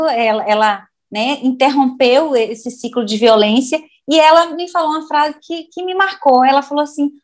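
A woman with a Brazilian Portuguese accent who hosts the conversation and speaks in a thoughtful, reflective way. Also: high-pitched. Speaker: host. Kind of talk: conversational interview talk.

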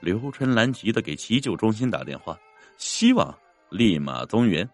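A man narrating a dramatic story in an expressive, theatrical manner. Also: normal speed, no echo, faint music behind. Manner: expressive, swinging pitch.

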